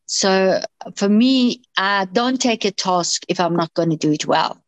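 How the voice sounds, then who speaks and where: A woman's voice: medium pitch, lively intonation, unhurried, dry recording, muffled recording. A middle-aged woman from Iran, a doctor and interview guest, who answers with many fillers and restarts.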